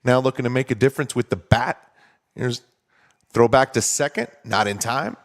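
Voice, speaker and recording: A man calling a baseball game play-by-play, talking steadily and conversationally and explaining strategy between pitches. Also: normal speed. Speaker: play-by-play announcer. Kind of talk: baseball commentary.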